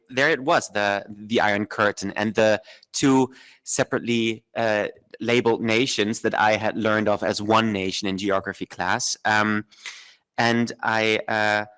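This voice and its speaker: A man's voice: on the low side, a bit bright. A young man from northern Germany speaking as a panel guest, reflective and often correcting himself mid-sentence. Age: young adult. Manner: thoughtful, self-correcting, many fillers.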